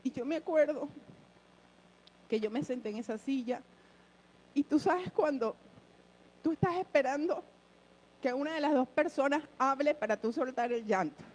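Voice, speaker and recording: A woman's voice: high voice, normal speed, long pauses, a little mellow, rough recording. A woman giving an earnest personal testimony in church, short of breath with emotion and speaking straight to her listeners. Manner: earnest, addresses listeners directly.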